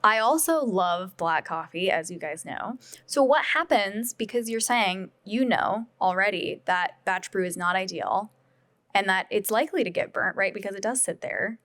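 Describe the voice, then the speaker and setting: A woman's voice: medium pitch, normal speed, a bit bright. A woman co-hosting a podcast, asking blunt and playful questions in casual chat. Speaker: podcast co-host.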